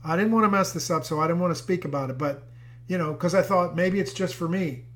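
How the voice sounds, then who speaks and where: A man's voice: sits high, quick pace, a bit bright. A male preacher playing a lazy young husband in a sermon story, insisting earnestly on his strange claims.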